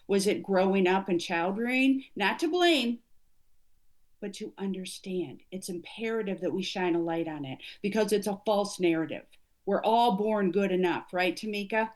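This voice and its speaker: A woman's voice: medium pitch, moderate pace. A middle-aged woman, an executive coach, speaking earnestly and emphatically as an interview guest. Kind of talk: conversational interview.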